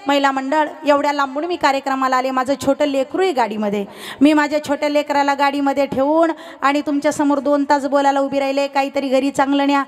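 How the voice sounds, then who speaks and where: A young woman kirtan preacher, giving a loud, animated devotional sermon before a live audience, teasing and telling stories. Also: high voice. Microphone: sound system microphone.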